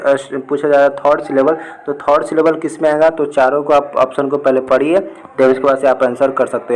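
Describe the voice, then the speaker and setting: A man's voice: medium pitch, low-quality recording. A young man tutoring students through exam answers in a casual lesson, checking in with "okay" after nearly every point. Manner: repeats "ठीक है" often, talks students through answers.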